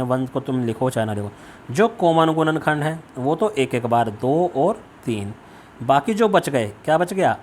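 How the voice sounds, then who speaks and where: Brief: male maths teacher, fairly high voice, patient step-by-step explaining, faint hiss behind. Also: a little mellow. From India. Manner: step-by-step, asks and answers own questions. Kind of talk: worksheet lesson.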